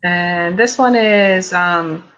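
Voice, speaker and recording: A woman's voice: lowish voice, drawn-out words, a bit bright, clean tone, highs cut off. Hesitant woman showing her paintings. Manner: hesitant, full of ums and likes. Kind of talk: casual chat.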